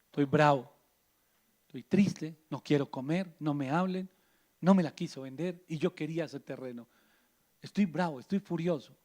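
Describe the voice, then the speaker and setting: A man's voice: on the high side, normal speed, darkish tone, natural voice. A man doing a whiny, sulking king. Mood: sulky whining. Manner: whiny and petulant. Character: sulking king, grown man acting like a small child.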